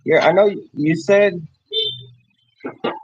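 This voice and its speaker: A Mexican man in his thirties hosts a casual livestream, answering viewers in a rambling, halting way and frequently restarting his phrases. His voice sits high with a breathy edge, and the recording is muffled.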